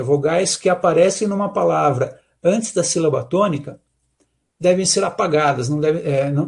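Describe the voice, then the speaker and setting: A Brazilian man with a high voice and a gravelly edge gives an academic talk. He explains step by step in a Brazilian Portuguese accent and often checks in with his listeners at the end of a point. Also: darkish tone. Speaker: lecturer.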